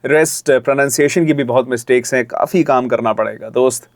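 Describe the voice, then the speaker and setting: A man coaching voice-over, giving friendly, direct feedback on recordings and jumping into energetic demo reads. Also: medium pitch, brisk, dry recording, studio quality. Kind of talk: reviewing recordings, with demonstration reads.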